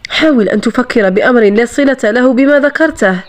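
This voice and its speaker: A woman's voice: fairly high pitch, fast talker, close to an everyday voice. A woman reading the part of a proud, bitter young woman in a novel, speaking in a haughty, defiant way.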